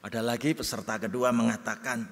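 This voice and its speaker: A man's voice: mid-range voice, brisk, a little hiss or hum. A man preaching a sermon, telling funny anecdotes and acting out the people in them. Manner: animated storytelling, acting out quoted voices. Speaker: pastor. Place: church. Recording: reverberant church hall.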